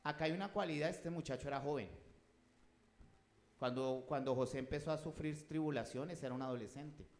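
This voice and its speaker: A man's voice: fairly high pitch, brisk. Emphatic man preaching in an echoey room. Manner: emphatic, rising loud on scripture quotes; asks the congregation questions. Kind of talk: sermon.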